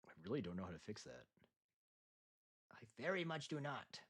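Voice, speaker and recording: A man streaming while painting miniatures, chatting casually, joking loudly and laughing often. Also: medium pitch, sing-song, moderate pace, creaky, dry recording, clean studio sound. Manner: loud joking outbursts and frequent laughter. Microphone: home streaming mic.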